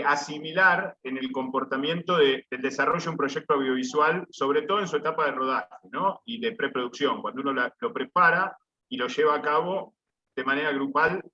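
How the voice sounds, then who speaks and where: Man, bright forceful voice, hesitant reflective film teacher, lo-fi call audio. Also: fairly high pitch, normal speed. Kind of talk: online seminar discussion. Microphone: video call. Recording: muffled video call audio.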